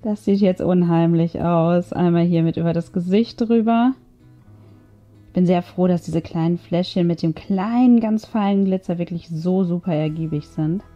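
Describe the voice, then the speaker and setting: This craft video host speaks at a normal pace in a fairly low, steady voice, and the audio sounds dull. She keeps up easygoing, chatty tutorial commentary, thinking aloud while working, as music plays underneath.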